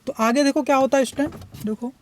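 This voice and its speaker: A young woman teaching English. She reads each story line slowly, then explains it in quick Hindi and keeps checking in with her students. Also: high-pitched, fairly even intonation, noisy background. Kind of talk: bilingual lesson explaining a story.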